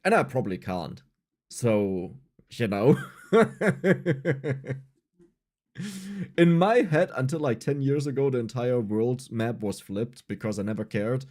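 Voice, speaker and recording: A man's voice: medium pitch, expressive, normal speed, darkish tone. A young adult man with a German accent, streaming a game, reading chat aloud and answering it with self-mocking humor. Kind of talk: casual livestream gameplay chat.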